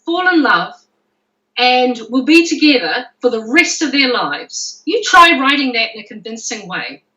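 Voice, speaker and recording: A woman with a New Zealand accent talks as a guest author in a relaxed chat. Her voice sits a little high and rings brightly. She swoops around a lot in pitch and often restarts her sentences with a laugh. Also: measured pace, echoey room, dull audio. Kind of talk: casual video chat.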